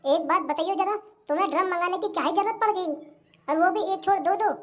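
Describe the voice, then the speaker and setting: Bossy sly young bahu, as a voice actor puts her on, high voice, cartoon comedy. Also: fairly quick, fairly bright tone. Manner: bossy and sly, talks back. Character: sharp-tongued young daughter-in-law, scheming.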